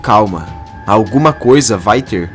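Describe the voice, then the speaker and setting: Brief: man voicing steady soap companion, level and reasoning, faint music bed. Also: on the low side, measured pace. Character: young man, calm and supportive companion.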